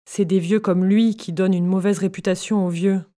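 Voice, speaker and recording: A woman voicing a sharp-tongued older grandmother in an audiobook, speaking bluntly and with scorn. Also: mid-range voice, fairly even intonation, moderate pace, lightly acted. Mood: scornful. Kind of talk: audiobook character narration.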